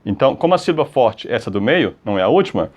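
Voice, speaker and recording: A man's voice: mid-range voice, very animated, darkish tone. A Brazilian man teaching an English grammar lesson. He stretches out the example words and keeps checking in with the class between steps. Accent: Brazilian Portuguese. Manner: drawn-out model words, repeated checks like "tá?" and "ok?". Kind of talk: explaining grammar rules on a video lesson.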